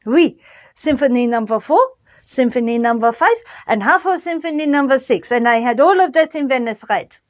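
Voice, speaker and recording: A woman with a French accent hosting a casual book review. She talks in halting phrases, restarts often, and sprinkles in French words. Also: high voice, lively intonation. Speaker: book channel host.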